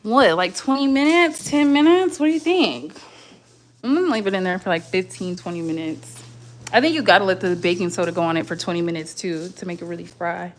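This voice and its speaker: Speaking fairly quickly with lively intonation and a fairly low pitch, a young woman hosts a livestream from home. She hails from the southwestern United States (Arizona and Las Vegas) and rambles in informal, slangy chatter.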